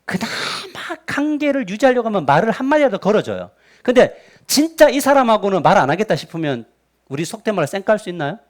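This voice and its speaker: A male pastor preaching a Sunday sermon in a church, lively and quizzing his congregation with rhetorical questions. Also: sits high, fairly quick. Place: church sanctuary.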